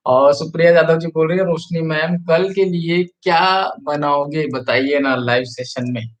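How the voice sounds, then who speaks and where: Chatty higher-voiced man on a live stream. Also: measured pace, poor audio. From Chhattisgarh, India. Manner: chatty, reads out viewer comments and urges likes. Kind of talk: casual live-stream chat.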